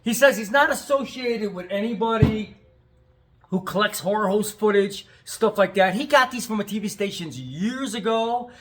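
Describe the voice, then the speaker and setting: A man's voice: sits high, moderate pace, fairly bright tone. A middle-aged American man giving a casual, rambling vlog update as a restorer, enthusiastic and often repeating himself. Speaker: video tape restorer and channel host.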